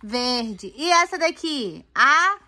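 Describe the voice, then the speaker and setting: A woman's voice: high voice, very animated, slow pace. A woman with a Brazilian accent hosting a casual home vlog from a toy corner indoors, playfully coaxing a toddler and talking to her viewers. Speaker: family vlogger host.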